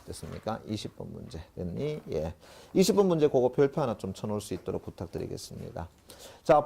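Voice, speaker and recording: A man's voice: medium pitch, darkish tone. A middle-aged man teaching a grammar lecture to a class, who keeps checking that students follow with short questions.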